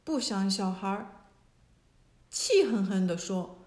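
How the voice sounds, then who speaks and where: A woman narrating a classic myth as a storybook reading. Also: mid-range voice. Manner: slow, even storytelling. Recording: echoey room.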